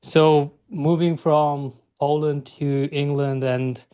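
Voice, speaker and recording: A man's voice: a little high, flat delivery, slow pace, smooth, lo-fi sound. A man hosting an interview podcast, talking eagerly with loose grammar and frequent "like". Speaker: podcast host.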